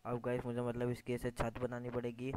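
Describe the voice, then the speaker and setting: In a fairly quick, mid-range voice, a man gives casual commentary over his gameplay for his YouTube channel. He keeps calling out "guys" to his viewers and mutters at his own mistakes, and the screen recording has poor audio with steady noise.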